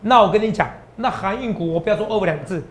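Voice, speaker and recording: A man with a Taiwanese Mandarin accent hosting a stock-tips show, animated and boastful, lecturing viewers like students. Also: high voice, rapid-fire. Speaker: stock market analyst host.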